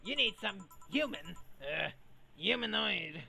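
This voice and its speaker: A woman's voice: medium pitch, expressive, slow, vocal fry, pushed and bright, soft background music, heavily acted. A woman voicing a blunt, bossy woman bar owner in a visual novel game, firm and commanding.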